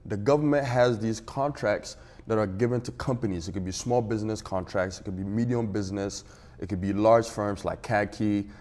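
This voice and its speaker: A man's voice: on the low side, normal speed, darkish tone. A young man from Ghana, a cybersecurity engineer, talking earnestly in a casual interview with many restarts.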